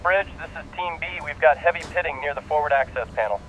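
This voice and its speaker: A man playing a brisk inspection crewman who delivers formal radio reports. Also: on the high side, a bit bright, dull audio, natural voice. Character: brisk male inspection team member reporting problems. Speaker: team member reporting by radio. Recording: noisy radio-style industrial audio.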